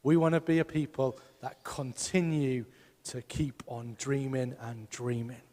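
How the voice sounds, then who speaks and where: A man's voice: medium pitch, little pitch movement, measured pace, warm tone, in a large hall. A man preaching a sermon as pastor, emphatic and putting rhetorical questions to his congregation. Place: church hall.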